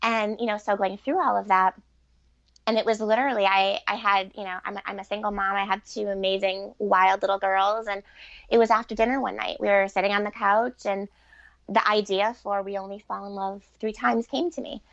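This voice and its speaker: Her voice is mid-range, creaky and a bit bright, and she speaks briskly in a steady tone. This middle-aged relationship author and coach gives earnest, reflective, casual answers as a podcast guest, recorded with no echo but sounding dull and lo-fi.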